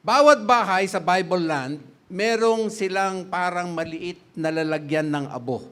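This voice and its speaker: High-voiced, unhurried male pastor. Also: a bit bright, clear, resonant tone. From Philippines. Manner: chatty, laughs often, quizzes the congregation, mixes English in. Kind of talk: sermon.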